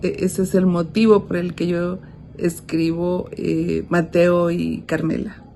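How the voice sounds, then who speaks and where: A woman's voice: on the low side, little pitch movement, slow pace, vocal fry, warm tone, slight background noise. A woman author talking about her writing in a hesitant way, with many fillers, over a video call.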